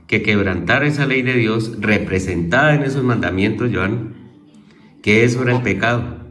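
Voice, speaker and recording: A man, a teacher, presenting a theology homework lesson in a halting way, correcting himself and repeating key terms as he explains them. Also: fairly low pitch, roomy sound. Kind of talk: informal spoken lesson.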